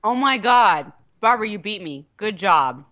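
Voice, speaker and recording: Excitable, swearing woman radio co-host. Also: medium pitch, normal speed, dull audio. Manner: loud, laughing, swearing, excitable. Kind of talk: casual radio banter.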